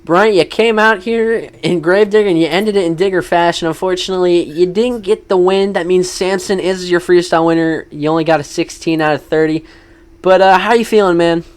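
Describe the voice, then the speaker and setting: Perform as a high-voiced, excited man calling monster truck stunts. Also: clean tone. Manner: energetic, hypes each move, quick asides. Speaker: lead commentator for a simulated monster truck event. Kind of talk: excited play-by-play commentary.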